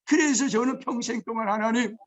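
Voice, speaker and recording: A male pastor preaching a testimony sermon, moving between hushed storytelling and shouted outbursts. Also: extremely high pitch, fairly quick. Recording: dull lo-fi recording.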